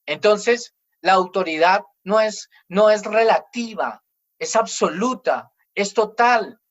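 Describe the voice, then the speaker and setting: A man's voice: sits high, slow, dull audio. A man in his forties preaching a family sermon as pastor, emphatic, and he acts out children's complaints in quoted voices.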